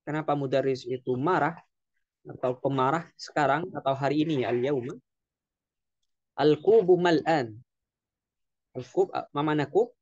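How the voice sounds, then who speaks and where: A man teaching an Arabic vocabulary lesson, explaining slowly and repeating words with frequent fillers. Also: mid-range voice, no room sound, dull audio. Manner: slow, repetitive explaining with frequent "ya". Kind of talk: classroom lesson.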